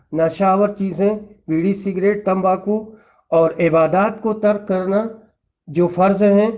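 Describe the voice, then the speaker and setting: High-pitched male preacher with an earnest, admonishing delivery, captured on a dull lo-fi recording. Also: a little mellow. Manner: earnest, admonishing, repeats lists. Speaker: Islamic preacher. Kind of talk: religious lecture in numbered points.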